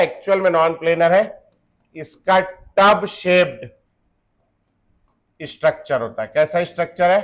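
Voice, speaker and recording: A man's voice: high-pitched, fairly bright tone. A question-firing chemistry teacher, a man. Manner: asks the class questions and answers them himself, joking; mixes in English phrases. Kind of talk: classroom lecture.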